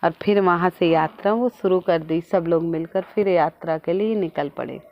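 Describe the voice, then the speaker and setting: A woman narrating a devotional folk tale in a simple, unhurried storytelling manner. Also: on the low side, muffled recording, a little hiss or hum.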